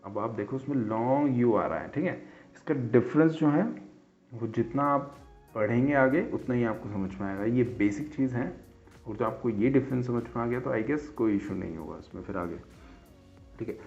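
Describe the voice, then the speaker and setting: A man's voice: medium pitch, creaky, soft background music. Man teaching, forever checking in. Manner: repeats "theek hai" as a check-in after nearly every point; spells and repeats example words slowly. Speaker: English teacher. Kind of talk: casual explanatory lesson. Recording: dull lo-fi sound.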